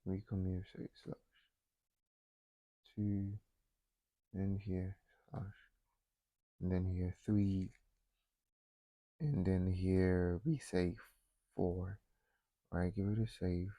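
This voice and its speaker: A man talking himself through a coding tutorial, thinking aloud with frequent pauses and fillers. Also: low-pitched, level tone, dark tone, no room sound, low-quality recording. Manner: thinking aloud, many ums and restarts. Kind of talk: casual screen-recorded coding walkthrough.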